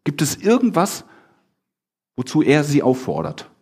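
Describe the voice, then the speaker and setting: Male preacher. Slightly husky, very animated delivery. Talks to his congregation conversationally. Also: on the high side, unhurried. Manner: animated, asks the congregation questions, acts out the disciples' lines. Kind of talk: lively conversational sermon.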